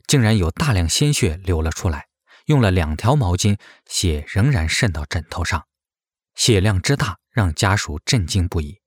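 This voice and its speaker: Male narrator, low and expressive, serious investigative read, dry booth sound. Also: no room sound. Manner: grave, suspicious questioning tone.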